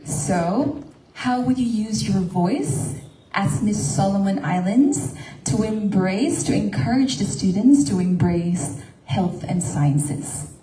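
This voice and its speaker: A woman's voice: mid-range voice, expressive, takes it slowly, dark tone. A woman acting as a pageant judge, putting a formal interview question to a contestant. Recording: echoey room, distant mic, faint noise.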